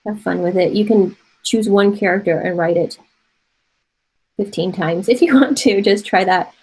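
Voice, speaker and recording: A Taiwanese woman in her forties, whose first language is Mandarin Chinese, teaches an online college art class from a home room lined with bookshelves. Her mid-range, darkish, slightly rough voice comes through a video-call webcam with poor audio at a normal speed. She's chatty and encouraging, laughing often and thinking aloud as she casually instructs.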